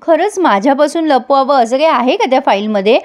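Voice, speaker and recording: A woman voicing a scheming young woman from a TV serial who coaxes and sweet-talks. The voice stays high and only lightly acted. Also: lively intonation, brisk, a little mellow. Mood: coaxing.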